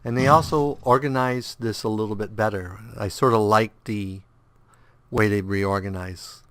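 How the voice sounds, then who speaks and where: This man hosts a let's play, talking offhandedly about the game and humming to himself as he navigates menus, his nose stuffed up and throat a little sore. He speaks at a moderate pace in a fairly low voice, and there's no room sound. The mood is relaxed and rambling, like thinking aloud.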